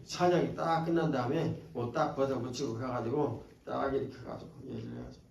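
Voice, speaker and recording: A man's voice: mid-range voice, animated, a little fast, vocal fry, darkish tone, distant mic, a little hiss or hum. A man with a Jeolla accent, preaching a sermon at a revival meeting in a folksy, joking way that teases the congregation. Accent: Jeolla Korean. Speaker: pastor. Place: church sanctuary. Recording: echoey church hall from off-mic.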